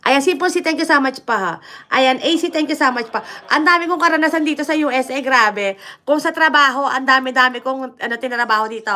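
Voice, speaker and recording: A woman's voice: sits high, brisk, bright, forceful tone. A woman from the Philippines with a Filipino accent, chatting casually with viewers on a livestream, switching between Tagalog and English and laughing often. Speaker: livestream host.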